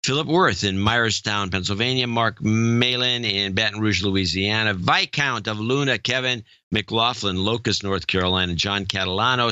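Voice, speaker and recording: With a lowish, clear, resonant voice that is bright and forceful, the co-host is recorded with no room sound but dull audio. He stumbles through a long list of donor names on a casual podcast, joking along the way as he struggles with pronunciations.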